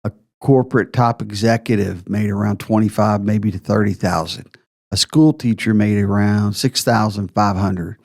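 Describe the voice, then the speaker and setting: A man's voice: on the low side, steady tone, normal speed, creaky, darkish tone. A man hosting a retirement planning podcast, explaining figures step by step with emphasis.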